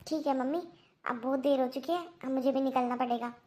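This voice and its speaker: Woman as a firm young cartoon daughter, high voice, earnest lecturing tone. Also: fairly even intonation, a little fast, darkish tone, close to an everyday voice. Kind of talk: Hindi cartoon dubbing.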